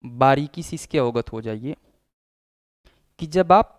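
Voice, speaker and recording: A male teacher giving a lecture. His voice is smooth and resonant, close to the mic. The recording is dry, with no room echo. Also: mid-range voice, animated, slow pace. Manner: explanatory, demonstrates sounds aloud. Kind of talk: classroom lecture.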